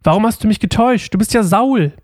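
A man's voice: high voice, fast talker, a little mellow, no echo, studio quality, voice pushed up, lightly acted. Man reading as a frightened woman necromancer. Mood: fearful. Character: frightened female necromancer, wary and shrill.

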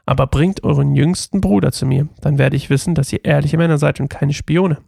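A man voicing a stern Egyptian ruler who tests his brothers, read aloud slowly and firmly in a gravelly voice. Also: fairly high pitch, steady tone, darkish tone, no room sound, studio quality, full character voice.

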